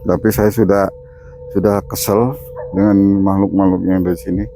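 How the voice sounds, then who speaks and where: Stern low-voiced man, flat and dark. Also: normal speed, soft background music. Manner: stern, commanding when addressing spirits. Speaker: spiritual healer. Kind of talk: explaining on a ghost-hunting walk. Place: outdoors in a garden.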